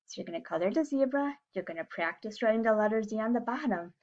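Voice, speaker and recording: A woman teacher reading and giving lesson instructions to young children in a singsong, simple, deliberate way. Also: medium pitch, expressive, darkish tone, lo-fi sound. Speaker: early-years teacher.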